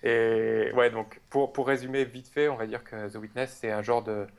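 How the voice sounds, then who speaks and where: A man co-hosting a podcast in casual chat, talking in a hesitant way with many filler pauses. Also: medium pitch, steady tone, vocal fry. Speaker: podcast co-host.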